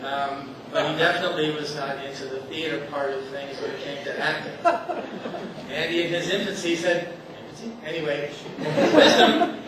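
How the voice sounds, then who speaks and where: On a theater stage before a live audience at a community event, a man with a slightly high voice tells a loose, self-mocking story at normal speed, often laughing at his own jokes. He sounds distant from the mic, the hall echoes heavily, and a steady hiss runs underneath.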